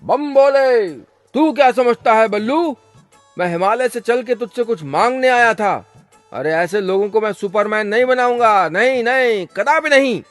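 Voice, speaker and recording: Man doing a loud old holy man, matted hair, high booming voice, long drawn-out chants, soft music under it. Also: expressive, heavily acted. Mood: thundering.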